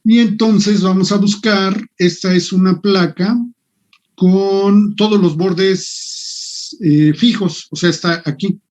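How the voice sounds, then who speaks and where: A man's voice: high-pitched, steady tone, slow, a little mellow, poor audio. A man teaching an online engineering class, thinking aloud and muttering to himself as he works on screen. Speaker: engineering lecturer.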